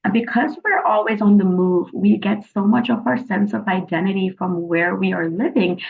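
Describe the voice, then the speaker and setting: A woman guest on a podcast, talking in an earnest, emphatic way and slowing down to stress key phrases. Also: medium pitch, steady tone, gravelly. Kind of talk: reflective interview talk. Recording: tinny phone-like remote call audio.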